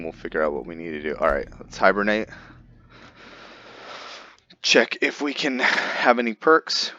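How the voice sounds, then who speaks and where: Thinking out loud as he plays, a man offers casual commentary on his roleplay playthrough in a low, sharp voice. The recording is slightly muffled, with video game music in the background.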